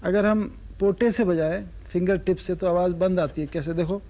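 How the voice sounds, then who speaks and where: High-voiced man teaching sarod. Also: steady tone, moderate pace. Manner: asks the audience questions, sings sargam syllables. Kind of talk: lecture-demonstration to students.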